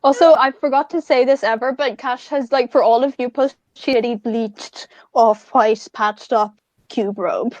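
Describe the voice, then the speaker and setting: A high-voiced woman trading teasing, deadpan jokes with the table. Her mic sounds dull and muffled, in a dry, dead room. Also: normal speed, dry recording. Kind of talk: casual chat.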